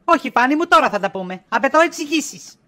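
A shrill, high-voiced wife, as a woman acts her out, jealous and suspicious, pressing her husband for answers over and over. She sounds insistent and accusing, in a homemade comedy sketch. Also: a bit bright.

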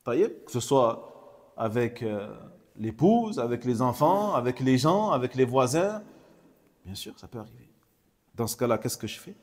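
An Islamic teacher with a mid-range, slightly mellow voice gives a religious lesson commenting on a hadith text. He repeats key phrases for emphasis and works in short Arabic phrases.

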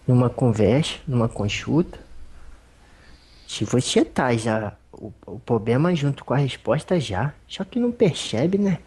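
A humble, teasing old male spirit elder speaks with a Brazilian accent, voiced by a medium in trance. The voice is husky and its pitch swings widely between low murmurs and sudden high notes. He talks in a rambling, folksy, fatherly way. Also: sing-song, a little slow, darkish tone. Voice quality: husky, rambling, folksy speech with fond asides. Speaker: spiritual medium giving a consultation. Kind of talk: religious consultation talk.

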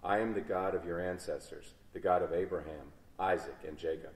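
A booming, commanding God speaks solemnly from a burning bush, as a man reading a story puts him on. The voice is deep and low. It rings through a large echoey church, caught from a distant mic. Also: steady tone, brisk, a little mellow.

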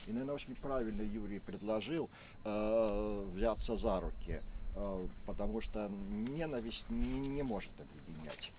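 A man's voice: on the low side, animated, moderate pace, a little mellow. A man in his sixties giving unscripted, reflective public remarks outdoors, with frequent hesitations. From Russia. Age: 60s. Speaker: speaker at memorial rally. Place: outdoors in a park by memorial stones. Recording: faint outdoor background noise.

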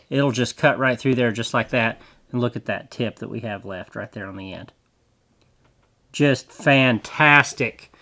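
Bright-voiced folksy man demoing a tool. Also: fairly high pitch. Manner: folksy, chatty, hands-on explaining. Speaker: tool reviewer. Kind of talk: casual product demo. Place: small indoor studio set.

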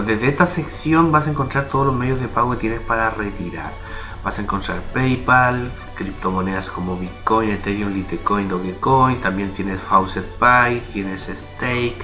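A man hosting a screen-recorded walkthrough, explaining step by step in a casual tone and often checking in with his listeners. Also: fairly low pitch. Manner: casual, explanatory, frequent "¿ya?" and "¿vale?" check-ins. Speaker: tutorial host. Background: background music.

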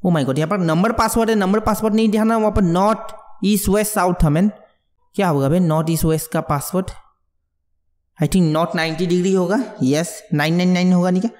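A man giving jumpy, excitable let's play commentary on a horror game, mixing English words into his talk. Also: sits high, brisk, big-room sound. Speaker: gamer.

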